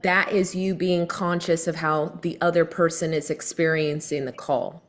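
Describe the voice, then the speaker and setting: A woman's voice: low voice, steady tone, moderate pace. A woman, coaching a sales team on phone technique and demonstrating how to shift her pace. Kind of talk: training talk on a call.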